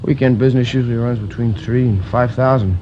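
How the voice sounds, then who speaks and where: An actor playing a talkative, indignant liquor store manager recounting a robbery in a 1950s radio crime drama, rambling with hesitations. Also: male voice, medium pitch, fairly even intonation, fast talker, background noise, close to an everyday voice. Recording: dull old radio transcription.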